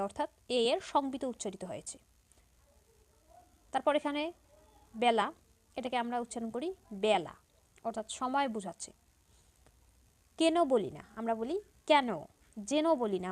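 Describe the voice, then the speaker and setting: A woman teacher explaining pronunciation to school students, repeating example words slowly and step by step. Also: sits high. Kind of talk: Bengali grammar lesson for school students.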